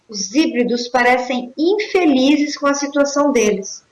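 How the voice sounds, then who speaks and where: A woman co-hosting a paranormal talk show, reading her commentary slowly and deliberately. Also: high-pitched. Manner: slow, deliberate read-aloud delivery. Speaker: co-host. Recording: roomy echoey sound.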